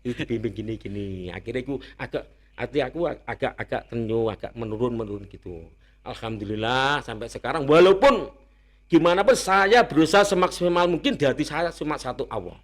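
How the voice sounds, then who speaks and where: A man with an East Javanese accent telling his own story as an interview guest, blunt and rough-spoken, earnest and repeating that he is being honest. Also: mid-range voice, animated, fairly quick. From Indonesia. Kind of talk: candid personal storytelling.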